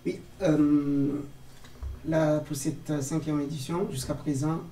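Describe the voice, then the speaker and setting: A man organizing a literary festival, speaking in a slow, halting way. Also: on the high side, little pitch movement, warm tone. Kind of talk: interview answers. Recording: roomy, distant from mic.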